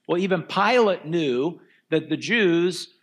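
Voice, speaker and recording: A man's voice: fairly high pitch, lively intonation, takes it slowly. A man giving a sermon as pastor, earnest and asking the congregation rhetorical questions. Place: church before a live congregation.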